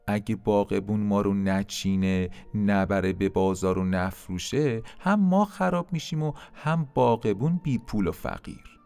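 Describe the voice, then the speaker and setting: A man's voice: fairly low pitch, gravelly, mellow, smooth. A man voicing a sensible orange in a storybook tale, reasoning matter-of-factly. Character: sensible orange fruit, explaining patiently.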